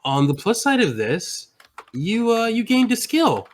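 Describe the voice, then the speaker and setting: A man's voice: sits high, very animated, unhurried, a little hiss or hum. A man narrating as game master of a tabletop game, casual and swearing freely. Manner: casual, swearing, laughing, with fillers.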